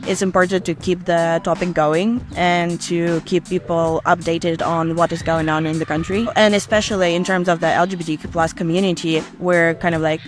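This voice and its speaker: A seminar participant speaking in a measured, reflective way about the war and the seminar. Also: medium pitch, little pitch movement. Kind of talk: interview testimonial.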